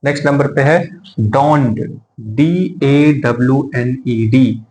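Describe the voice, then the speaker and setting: A man teaching English vocabulary, slowly spelling out each word letter by letter and checking in with the class after each point. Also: medium pitch, a little mellow. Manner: slow, repeats words and spells them out letter by letter. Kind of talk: vocabulary lesson. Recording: echoey room with faint noise.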